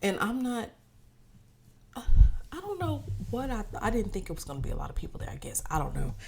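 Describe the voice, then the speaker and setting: A woman's voice: medium pitch, wildly swooping pitch, fairly quick, vocal fry, mellow, a little hiss or hum. A woman vlogger telling a casual, profane story, talking straight to her listeners and acting out what people said. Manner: profane, chatty, addresses listeners as y'all; acts out quoted dialogue.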